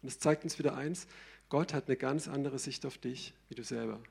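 A man preaching a sermon in a conversational, lively way, often checking in with "ja?". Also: mid-range voice, a little fast, vocal fry, slightly rough.

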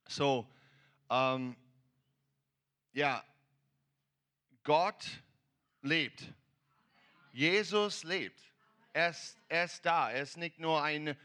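A male pastor preaches slowly and fervently into a microphone at a church service. His voice is fairly high and strikingly bright. He pauses to search for words and slips into English now and then. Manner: enthusiastic, fervent. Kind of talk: sermon with a joke. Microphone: handheld or stand microphone.

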